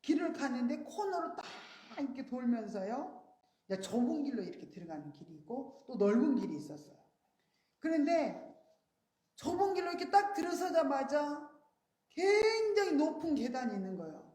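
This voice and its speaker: A woman preaching a sermon, telling a story earnestly and rising high on her emphasized words. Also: sing-song, normal speed, warm tone, roomy sound. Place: church sanctuary.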